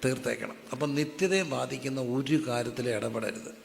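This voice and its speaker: A pastor with a gravelly, medium-pitched voice preaches a sermon at a moderate pace, using call-and-response and asking the congregation to repeat verses aloud. The recording has the echo of a hall with faint ambient noise.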